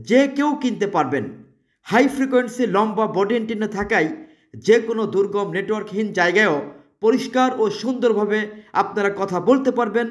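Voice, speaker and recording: Speaking with a Bangladeshi accent, this man delivers a forceful sales pitch for a product, circling back to the same promotional lines.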